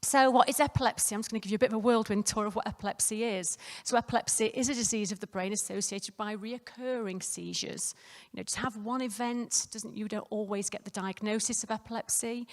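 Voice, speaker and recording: A nurse gives a conference talk in a croaky, gravelly, mid-range voice, steady in tone and a bit fast. She speaks conversationally with lots of fillers and restarts, and a long reverb fills the hotel conference room.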